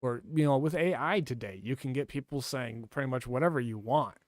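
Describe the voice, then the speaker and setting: A man's voice: mid-range voice, fairly quick, no echo, studio quality. A man talking casually to his livestream chat, rambling and correcting himself, laughing now and then.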